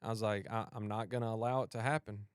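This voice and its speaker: A man's voice: fairly low pitch, quick pace, smooth, no room sound, studio quality. A man, hosting a podcast and telling a personal story, acting out the voices of the people in it. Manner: animated retelling, acts out both sides of a dialogue. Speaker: podcast host and police officer. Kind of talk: storytelling in a casual conversation.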